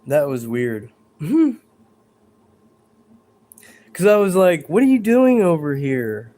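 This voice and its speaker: Male stream host, unhurried, somewhat high-pitched, hesitant and rambling, addresses viewers directly. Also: sing-song, warm tone. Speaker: livestream host. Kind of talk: live paranormal stream chat. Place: bedroom at home.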